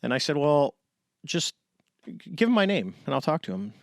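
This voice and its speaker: A man's voice: a little high, normal speed, vocal fry, no room sound, clean studio sound. A middle-aged man from the United States, a guest on an interview show, telling a long story in a casual way and acting out the voices of the people he quotes. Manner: animated storyteller, acts out quoted dialogue. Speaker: interview guest, retired navy fighter pilot.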